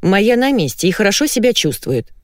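A woman voicing a shrill, jealous, bossy wife who interrogates her husband over the phone. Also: sing-song, a little fast, no room sound, studio quality, natural voice. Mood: scolding.

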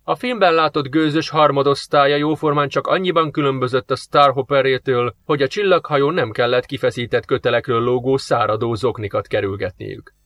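A man narrating a science-fiction novel as an audiobook reader, in measured storytelling. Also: mid-range voice, steady tone, fairly bright tone. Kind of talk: scripted narration.

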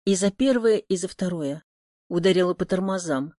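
A woman's voice: lowish voice, moderate pace, mellow, no room sound, studio quality. Tense woman narrating an audiobook. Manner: first-person, tense and emotional.

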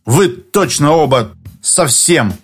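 A man's voice: fairly high pitch, animated, slow pace, slightly rough, faint music behind, full character voice. A man reading a novel aloud, voicing an irritable young woman who snaps and hisses her retorts. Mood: irritated. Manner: snapping, hissing retorts.

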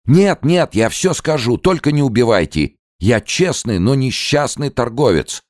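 A man's voice: mid-range voice, expressive, unhurried, darkish tone, dry recording, studio quality, voice pushed up, natural voice. A man voicing an old, scheming male trader who pleads and wheedles in a raised voice. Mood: pleading.

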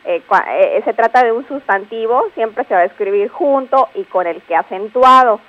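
A woman's voice: a little high, lively intonation, moderate pace. A woman giving a grammar lesson on a radio show, quizzing her co-host and explaining patiently. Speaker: language teacher on a radio show. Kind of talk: radio spelling and grammar segment. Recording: dull lo-fi radio broadcast.

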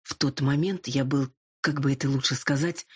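A jittery, cornered fox of a man, an aging singer who begs and confesses in a slow, strained, husky voice, as a woman reader puts him on. The tone sits a little higher than plain narration, breathy at the edges, every word dragged out of him. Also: steady tone, lightly acted. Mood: confiding. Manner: pleading, reluctant confessions. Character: nervous aging male singer, evasive fox.

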